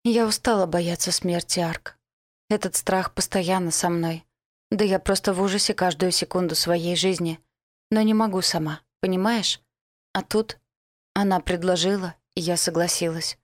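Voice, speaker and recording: Audiobook heroine: a tearful young woman, terminally ill, begging and pleading, voiced high and strained, as a woman reader puts her on. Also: fairly even intonation, normal speed, dry recording, clean studio sound, close to an everyday voice. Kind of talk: audiobook character voice.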